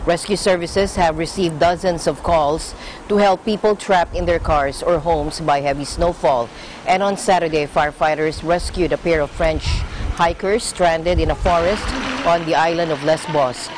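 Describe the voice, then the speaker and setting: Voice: mid-range voice, steady tone, moderate pace, slight background noise, low-quality recording. A news anchor delivering scripted international news narration.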